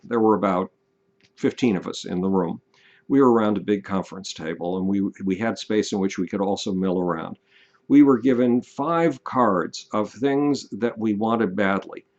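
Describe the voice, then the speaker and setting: An older man speaks in a fairly low voice, leaning hard on key words and drawing them out. He delivers a casual but deliberate monologue straight to the listener. The sound is dull and lo-fi. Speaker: commentator.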